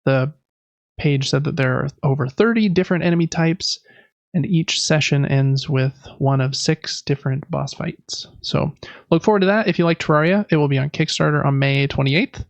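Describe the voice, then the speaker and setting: A man hosts a board game podcast, talking casually and explaining things informally. His slightly high, gravelly voice moves at a normal speed, and the recording is dry and dull.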